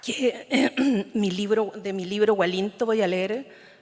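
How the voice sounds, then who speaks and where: A Chilean poet whose first language is Mapudungun (Huilliche) reads her poems slowly and solemnly, in a measured way, with lines often fading to a whisper. Her pitch is medium, with slight background noise. The large conference hall gives the recording a long reverb.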